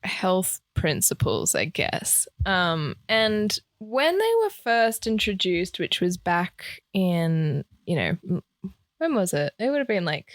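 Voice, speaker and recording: A woman's voice: fairly low pitch, very animated, slow, dry recording, studio quality. A woman co-hosting a podcast in casual chat, rambling with lots of fillers and frequent laughs. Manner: rambling, laughs often, many ums and likes. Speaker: podcast co-host.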